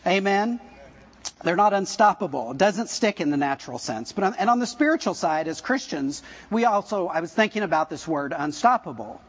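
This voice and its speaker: Very animated and brisk, a high-pitched pastor in his fifties delivers a casual, jokey sermon, asking his congregation questions. His voice has a breathy edge, and the recording's highs are cut off.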